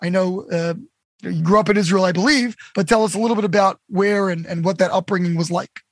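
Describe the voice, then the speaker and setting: A middle-aged man hosting a podcast interview, upbeat and quick to cheer his guest on with "amazing" and "incredible". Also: high-pitched, steady tone, no echo, clean studio sound. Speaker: podcast host. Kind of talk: casual interview.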